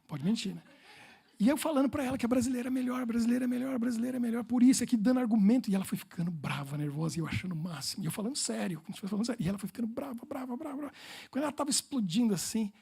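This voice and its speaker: A Brazilian pastor preaches with a dark, mellow tone. His voice is a little husky. He tells funny personal stories and repeats words for effect. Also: very high-pitched, animated, very fast. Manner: humorous storytelling, playful repetitions.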